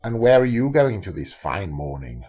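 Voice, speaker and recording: An older man voicing a cunning big bad wolf in a storybook reading, gruff and falsely charming. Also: low voice, very animated, normal speed, warm tone, voice pushed down, heavily acted. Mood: sly.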